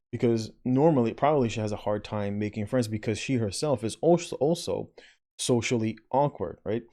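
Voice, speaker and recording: A man's voice: mid-range voice, darkish tone. A man giving blunt reaction commentary, often tagging his points with a question and swearing. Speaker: video commentator. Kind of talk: reaction commentary on a played clip.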